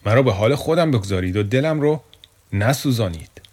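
A man voicing a proud, sad young deer in a children's story, talking quickly and bitterly. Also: mid-range voice, animated, a little mellow, lightly acted.

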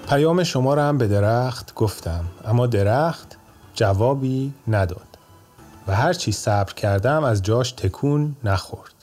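A man's voice: medium pitch, animated, darkish tone, faint music behind, natural voice. A man voicing a worried male plaintiff in a told folk tale, pleading earnestly. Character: wronged anxious male plaintiff.

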